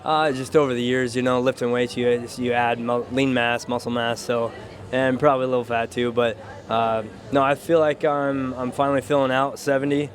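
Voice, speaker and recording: A man's voice: medium pitch, level tone, moderate pace. A man who is a fighter, answering interview questions casually in a modest, matter-of-fact way. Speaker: professional MMA fighter.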